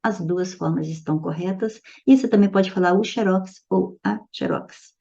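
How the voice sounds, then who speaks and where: Woman grammar teacher, gravelly and mellow, patient explainer checking in with students; slightly lo-fi recording. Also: on the low side, normal speed. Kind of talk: recorded lesson solving exam questions.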